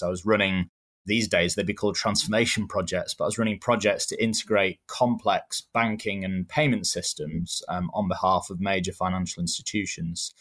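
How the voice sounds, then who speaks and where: A man in his thirties with a Manchester accent, answering interview questions in a measured, explanatory way with frequent ums. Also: on the low side, fairly bright tone. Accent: Manchester English. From England. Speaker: guest.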